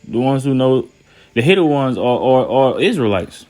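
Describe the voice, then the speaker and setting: Guy preaching off the cuff, mid pitch, keeps restarting and saying man, faint music behind. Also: lively intonation, moderate pace, darkish tone. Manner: repetitive, stammering restarts, tags "man" onto phrases; slangy, fired-up and scolding. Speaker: self-styled preacher. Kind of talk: informal street-style preaching with scripture reading.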